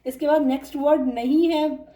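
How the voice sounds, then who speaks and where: A woman teaching pronunciation, repeating example words slowly and patiently. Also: high voice, fairly even intonation, dark tone, roomy sound, far from the mic. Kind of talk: spoken English lesson.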